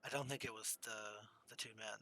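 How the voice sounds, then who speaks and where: A man playing a tabletop game in character, speaking quietly and haltingly. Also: medium pitch, fairly even intonation, faint music behind. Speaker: player.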